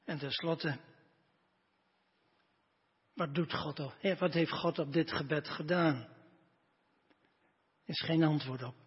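A man delivers a sermon in a breathy, very husky voice pitched a little high. He speaks slowly and deliberately, leaning emphatically into the scripture he reads. The sound is dull and lo-fi, with a long reverb trailing off in a large hall. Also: fairly even intonation. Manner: slow, earnest, emphatic scripture reading. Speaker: preacher. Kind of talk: sermon with Bible reading.

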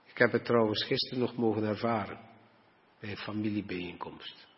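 A man preaching a sermon and reading scripture, earnest and slowing down to stress key words. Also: lowish voice. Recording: dull sound with long hall reverb.

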